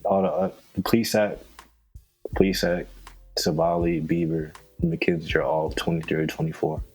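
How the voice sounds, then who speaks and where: A man co-hosting a podcast, chatting casually and excitedly about his team, bragging with frequent laughs. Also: low-pitched, measured pace, creaky, husky, soft background music, rough recording. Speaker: podcast co-host. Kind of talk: casual sports chat.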